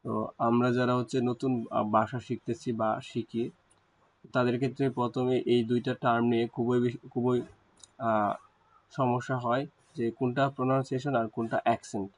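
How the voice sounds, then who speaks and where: A man teaching a language lesson, explaining terms slowly with hesitant pauses. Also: mid-range voice, flat delivery, poor audio. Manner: hesitant, frequent fillers and restarts.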